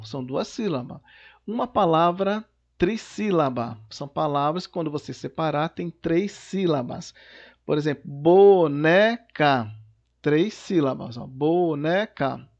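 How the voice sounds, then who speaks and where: A man's voice: fairly high pitch, gravelly, dull audio. A male teacher recording a lesson at home, patiently explaining worksheet questions and often checking in with "né" and "tá". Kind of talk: recorded remote class lesson.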